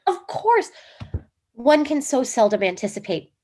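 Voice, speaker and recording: A woman reading a high, animated earnest wife. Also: a little slow. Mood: agitated. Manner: emphatic, theatrical delivery. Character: earnest wife devoted to dream analysis, woman. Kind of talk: comic play reading.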